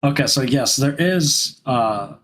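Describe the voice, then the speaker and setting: A man co-hosting a podcast in casual chat, rambling and halting, with many restarts. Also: medium pitch, expressive, fairly bright tone, poor audio. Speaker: podcast co-host.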